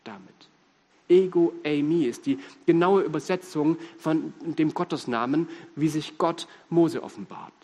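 A man with a Swabian accent preaching a sermon, lively, humorous and emphatic. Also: a little high, a little slow. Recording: reverberant hall.

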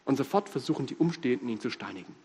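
A man with a Swabian accent preaching a sermon, lively, humorous and emphatic. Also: medium pitch, racing, slightly rough. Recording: reverberant hall.

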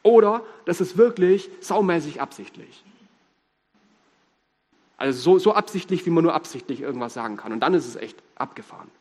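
A man's voice: a little high, a little fast, husky. Swabian guy preaching, funny and emphatic, echo of a big hall. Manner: lively, humorous, emphatic. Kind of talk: sermon. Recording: reverberant hall.

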